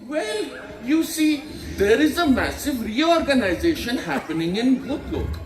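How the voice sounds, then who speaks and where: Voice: high voice, very animated, unhurried, a crowd in the background. A performer playing a chatty, flustered outgoing king of ghosts in an amateur comedy skit, talking theatrically in office jargon. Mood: resigned. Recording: echoey stage recording with clear background noise.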